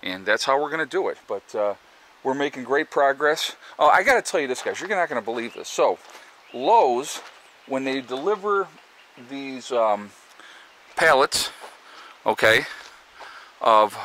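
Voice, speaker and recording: In a rough recording, a homesteading vlogger with a Northeastern American accent and a medium-pitched, bright, forceful voice strolls his rural property outdoors. Holding the camera himself, he talks casually, rambling with plenty of fillers and restarts.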